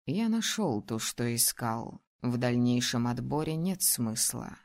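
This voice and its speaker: A woman voicing a young male ruler in an audiobook, teasing and domineering, speaking low, slow and calm. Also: heavily acted. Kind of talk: audiobook character voice.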